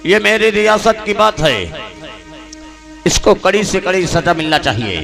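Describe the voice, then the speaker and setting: A man's voice: high voice, animated, a little slow, vocal fry, exaggerated voice. A man playing a scheming village landlord in a live folk stage play, declaiming pompously. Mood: indignant. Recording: live stage with loud music.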